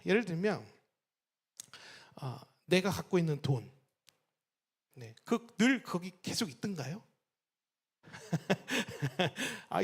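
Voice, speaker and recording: A woman's voice: medium pitch, breathy edge. A woman pastor preaching a sermon, often putting rhetorical questions to her congregation. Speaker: senior pastor.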